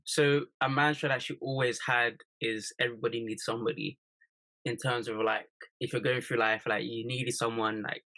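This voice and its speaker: A young man in his early twenties from East London with a bright, forward tone. He co-hosts a podcast and keeps it playful, joking his way through casual chat. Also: medium pitch, fairly even intonation, normal speed, rough recording. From East London, England. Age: 20s. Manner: playful, jokey. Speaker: podcast co-host.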